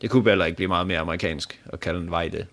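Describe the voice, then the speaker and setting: A man's voice: deep voice, steady tone, fairly bright tone. A man co-hosting a podcast, chatting casually with a friend, swearing and laughing often. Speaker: podcast co-host. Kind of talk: casual chat.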